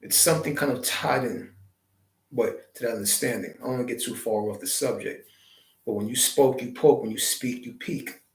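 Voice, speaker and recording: With a roomy echo around him, a man speaks at normal speed in a mid-range voice, hosting a live stream. His monologue is preachy and spiritual, full of wordplay and rhetorical questions.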